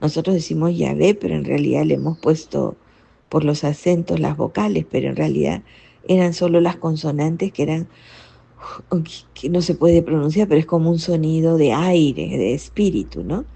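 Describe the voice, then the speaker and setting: A woman giving a reflective spiritual teaching, explaining gently and often adding rhetorical questions. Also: sits low, moderate pace, vocal fry, breathy edge. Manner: reflective, frequent rhetorical "¿no?" tags. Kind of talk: spoken catechesis talk.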